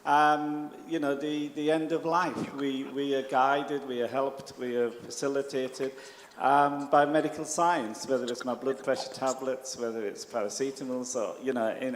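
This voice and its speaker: Measured pastor in an echoey room. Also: male voice, mid-range voice. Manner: calm, measured, with many fillers. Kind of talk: panel discussion. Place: church hall. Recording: roomy echoey hall, faint background noise.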